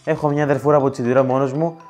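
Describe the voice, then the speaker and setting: A man's voice: medium pitch, fairly even intonation, a little mellow, faint music behind, lightly acted. A man playing a desperate job seeker in a comedy sketch, protesting each new demand. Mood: exasperated. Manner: protesting, increasingly exasperated. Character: desperate, put-upon male job seeker.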